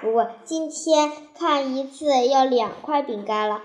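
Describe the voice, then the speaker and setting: A woman's voice: sits high, measured pace, darkish tone, echoey room. A woman voicing a shrewd, talkative female mouse who haggles over a treasure. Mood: persuading. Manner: smooth-talking, haggling.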